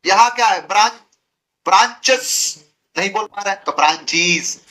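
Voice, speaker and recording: A man's voice: high voice, very fast, pushed and bright. A man teaching English grammar in Hindi, drilling letter sounds by repeating them and quizzing his students. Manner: drills sounds by repetition, asks students questions. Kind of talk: classroom grammar lesson.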